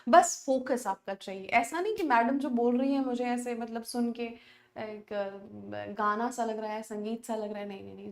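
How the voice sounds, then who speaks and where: A woman teaching an English class online, switching easily between Hindi and English. She talks in a chatty, coaxing way, her voice on the higher side. The room around her is echoey.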